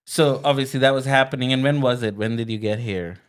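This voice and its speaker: A man's voice: mid-range voice, quick pace. A man hosting a podcast interview, asking questions and giving lots of short encouraging replies. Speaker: podcast host. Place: podcast studio room.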